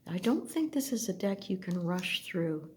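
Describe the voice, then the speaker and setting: A woman slowly looking through an oracle deck, speaking softly and at times dropping to a whisper. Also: on the low side, very animated, slight background noise. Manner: soft, slow, gently admiring, drifts into whispers. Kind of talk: slow unboxing commentary.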